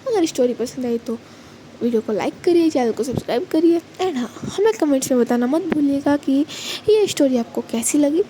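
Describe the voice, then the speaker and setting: A woman narrating a serial story in a calm, plain way and closing with a friendly sign-off. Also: high voice, brisk, background noise.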